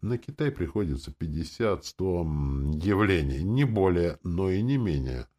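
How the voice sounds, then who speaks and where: A good-natured old imperial official speaks in a formal, courteous way with quiet amusement, as an audiobook narrator puts him on. His voice sits low but moves lively up and down. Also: measured pace, exaggerated voice.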